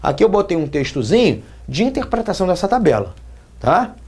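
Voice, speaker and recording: A man's voice: high-pitched, big pitch swings, brisk, a little mellow, breathy edge. A man from Brazil teaching a logic lesson at a whiteboard, checking in with students again and again as he explains. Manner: explains with repeated questions to the students.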